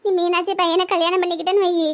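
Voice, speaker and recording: A woman's voice: very high-pitched, flat delivery, fast talker, dull audio. Woman putting on a bossy old Tirunelveli grandmother. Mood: coaxing. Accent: Tirunelveli Tamil. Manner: scolding, knowing.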